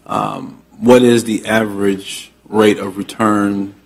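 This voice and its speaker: Male commissioner, low even voice, halting earnest questions with restarts, public hearing. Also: vocal fry. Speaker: county commissioner.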